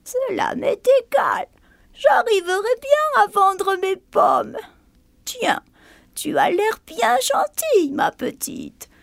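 A man doing a wicked old crone from a storybook, her voice shrill and creaky as it swoops wildly from squeak to croak. She drawls slowly, wheedling and cruel. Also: big pitch swings, a bit bright, no room sound, heavily acted. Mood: coaxing. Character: cackling old witch peddler woman, wheedling and cruel. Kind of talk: storybook reading.

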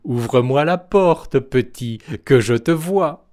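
A man voicing a greedy, boastful big bad wolf in a storybook reading, loud and blustering. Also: medium pitch, animated, slow, voice pushed up. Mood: menacing.

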